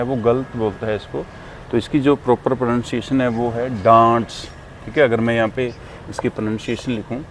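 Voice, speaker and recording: A man teaching English pronunciation in a spoken lesson, patiently repeating each drill word several times and asking whether it is clear. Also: mid-range voice, a little mellow, a little hiss or hum. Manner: asks "clear?" after each point.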